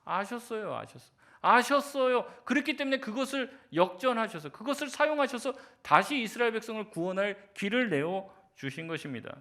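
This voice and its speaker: A man's voice: high voice, big pitch swings, fairly quick, few pauses, sharp tone. A male pastor giving a sermon in a conversational way, asking rhetorical questions and acting out quoted voices.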